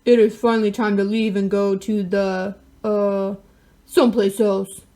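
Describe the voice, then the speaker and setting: A woman's voice: medium pitch, little pitch movement, measured pace, dark tone, lightly acted, low-quality recording. Woman putting on a big scheming papa dinosaur. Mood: falsely casual.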